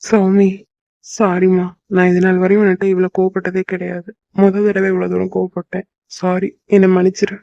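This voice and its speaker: A man's voice: high voice, completely flat delivery, moderate pace, vocal fry, dark tone, dry recording. A man voicing a possessive but tender young boyfriend in a cartoon. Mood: apologetic. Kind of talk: cartoon voice acting. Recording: dull lo-fi dry recording.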